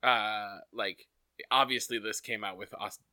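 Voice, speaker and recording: A man's voice: lowish voice, steady tone, unhurried, sharp tone, no room sound, studio quality. A man co-hosting a podcast, chatting casually and with amusement about a cartoon episode. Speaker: podcast co-host.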